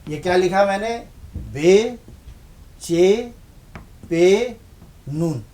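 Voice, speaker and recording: A man with a high-pitched, animated, warm voice leads a televised Urdu script lesson. Patient throughout, he raises questions, answers them on his own, and goes over points again for emphasis.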